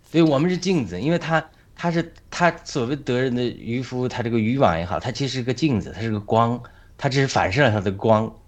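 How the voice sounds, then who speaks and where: A man hosting an online Bible discussion, speaking haltingly with many fillers and repeats. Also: medium pitch. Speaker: host.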